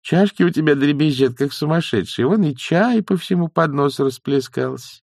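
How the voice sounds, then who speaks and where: A good-humoured old witch who speaks softly and smooths things over, played by a man. Her voice sits higher than the reader's own, with a gravelly edge. It is close and dry. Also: expressive, moderate pace, no room sound. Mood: gentle. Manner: soft, chatty. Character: jolly old woman witch, peacemaker.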